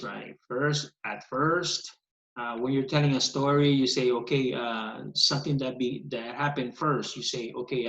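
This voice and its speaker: In an online English lesson, a male teacher with a medium-pitched, fairly bright voice explains patiently, step by step. He was recorded through a computer mic via screen capture of a video call. The sound is echoey and dull, with a little hiss or hum.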